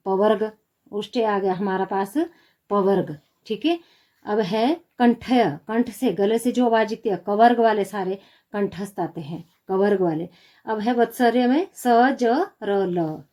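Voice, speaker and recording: Slow, mellow-voiced woman teaching Hindi letters. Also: medium pitch. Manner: patient, reciting letters one by one, calls students "beta". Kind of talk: classroom lesson.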